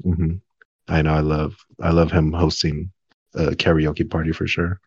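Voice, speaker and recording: A young adult man hosting a casual podcast chat, playful and quick to laugh. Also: extremely low pitch, little pitch movement, breathy edge, no echo, muffled recording. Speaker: podcast host.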